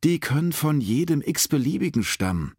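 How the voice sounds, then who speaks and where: A sardonic, defiant woman chief inspector, as a male narrator puts her on in a dry audiobook read. Her voice is raised well above his low tone, cutting and bored, with a dead, close sound. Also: very animated, moderate pace, darkish tone, breathy edge, no echo. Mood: angry.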